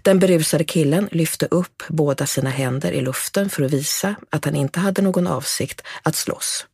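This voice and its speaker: A narrator reads a true account in a steady, measured way, voicing the quoted speakers only lightly. The voice is gravelly and husky, at a mid pitch. It is recorded close and dry, with no room sound. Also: no echo.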